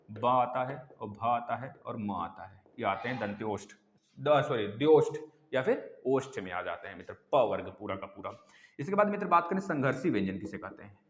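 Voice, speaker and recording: A man teaching an online exam-prep lesson, animated, sounding out letters aloud and calling his listeners friends. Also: mid-range voice. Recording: echoey room with long reverb.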